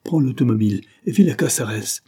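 A man voicing a poisoned aristocratic duke who barks hoarse, raised-voice orders in an audiobook. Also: medium pitch, animated, fairly quick. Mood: agonized fury. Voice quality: hoarse, shouting.

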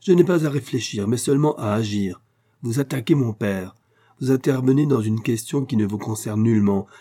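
A man's voice: mid-range voice, normal speed, warm tone, close to an everyday voice. A man voicing a proud, spoiled young heiress in an audiobook, speaking in an imperious, scornful way. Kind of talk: audiobook character reading.

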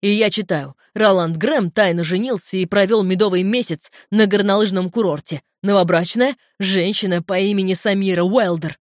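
Brief: woman doing a loud, swearing protective brother, insistent, dry close sound. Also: medium pitch, steady tone, fast, hardly any pauses, dry recording, close to an everyday voice. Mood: furious. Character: furious protective older brother on phone.

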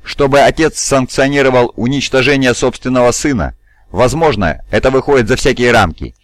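A man's voice: mid-range voice, fairly quick, no echo, natural voice. A man voicing a weary, scheming old regent. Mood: measured.

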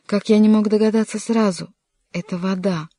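A reader voicing a desperate young nobleman who shouts urgent warnings in an audiobook. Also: mid-range voice, fairly even intonation, normal speed, no room sound, clean studio sound, natural voice. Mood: frantic. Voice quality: shouting, pleading. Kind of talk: audiobook character reading.

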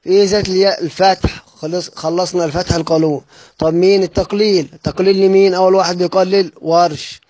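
A man with an Egyptian Arabic accent teaching the rules of Quran recitation, posing questions and answering them himself, and chanting verses slowly. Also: high voice, level tone, a little mellow, no room sound. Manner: asks and answers his own questions.

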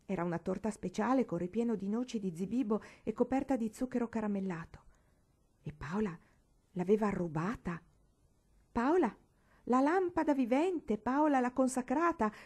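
A woman narrates a novel aloud in a mid-pitched voice. Her reading is expressive, lifting her voice for emphasis. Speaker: audiobook reader. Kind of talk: audiobook narration.

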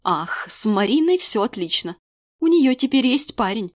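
A woman reading an audiobook, voicing a furious middle-aged friend and mother who shouts crude accusations down the phone. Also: on the high side, very animated, moderate pace, no room sound, studio quality, pitched above the performer's own voice. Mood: furious shouting.

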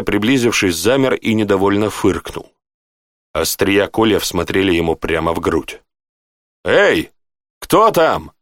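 A man with a low voice reads an audiobook with expressive storytelling, his pitch moving lively through each sentence. The sound is close and dry, with no room in it. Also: no room sound. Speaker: narrator. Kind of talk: audiobook narration.

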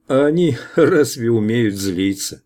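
A man's voice: mid-range voice, lively intonation, a little slow, a little mellow, lightly acted. A man voicing a defiant, reckless young man who talks back with nervous sarcasm in an audiobook. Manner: challenging, sarcastic.

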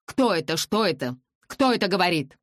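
A blind, commanding middle-aged gentleman, as an audiobook reader puts him on, pleading and calling out with urgent force. His voice sits at a middle pitch. The sound is dry and close, with no room around it. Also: unhurried, no echo, natural voice. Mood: demanding. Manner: urgent, imploring, rising to loud commands. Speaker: character voice in an audiobook. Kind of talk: audiobook character reading.

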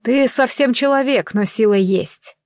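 A woman voicing a slow-spoken, mocking male prince of time travelers in an audiobook. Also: a little high, darkish tone, dry recording, clean studio sound, voice pushed up. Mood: wry. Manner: slow, drawn-out, teasing.

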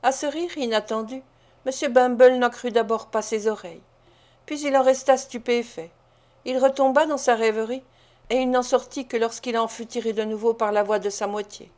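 A woman narrating a classic novel as an audiobook reader, in a measured, expressive way. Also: on the high side.

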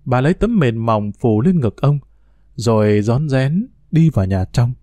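A man reading a novel aloud as a storyteller, in a measured, formal narrating manner. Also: mid-range voice, lively intonation, warm tone, no echo. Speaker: storyteller, audiobook reader.

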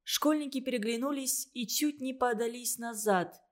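A woman narrating a story, reading aloud in a calm, even and expressive way. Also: on the high side, normal speed.

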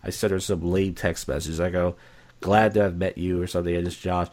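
A man's voice: sits low, fairly even intonation, brisk, darkish tone. A young man telling a story casually, acting out the quoted voices with animation. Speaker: guest.

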